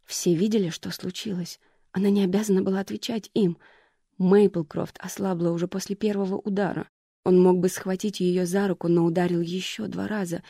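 An audiobook narrator reading a thriller chapter in scripted narration with a steady, even delivery. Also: medium pitch, creaky, slightly rough, no echo, studio quality.

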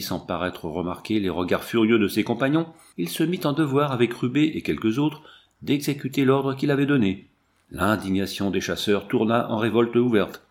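A man reading a novel aloud as narrator, lively and giving the characters' lines their own voices. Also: medium pitch. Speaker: audiobook narrator.

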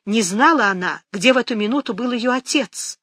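A narrator reading a novel aloud in a measured, dramatic audiobook style, recorded close to the mic. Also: mid-range voice, sharp tone, no echo.

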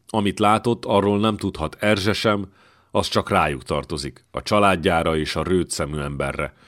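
Man, audiobook narrator, very deep voice, dramatic storytelling, hushed at tense moments.

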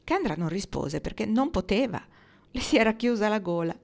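A woman's voice: mid-range voice, lively intonation, normal speed, creaky, a little mellow. Woman reading a novel aloud. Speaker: audiobook reader.

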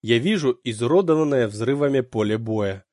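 A man's voice: medium pitch, moderate pace, a little mellow, no room sound, studio quality. A man narrating a war audiobook in the first person with dramatic expression.

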